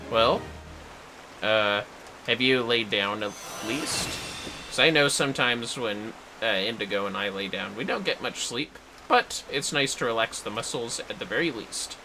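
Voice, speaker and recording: A man chats casually while livestreaming a video game, musing aloud and now and then swearing mildly. His medium-pitched voice is unhurried and sits over music, and the audio quality is poor.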